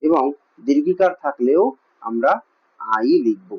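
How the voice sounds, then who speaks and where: A man with a West Bengal Bengali accent teaches a classroom lesson, posing questions and answering them himself with plenty of repetition. His medium-pitched voice is expressive, unhurried, and husky, captured on a muffled lo-fi recording.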